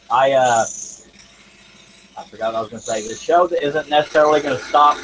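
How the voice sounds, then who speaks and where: A man's voice: medium pitch, normal speed, fairly bright tone, slight background noise, poor audio. A man chatting casually as he hosts a workshop livestream, folksy and joking in manner. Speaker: livestream host, scroll saw craftsman. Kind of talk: casual live chat while working.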